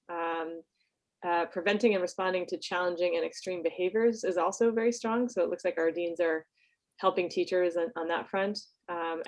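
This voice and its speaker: A woman's voice: lowish voice, low-quality recording. A woman presenting survey results at a board meeting, hesitant, with many fillers and restarts.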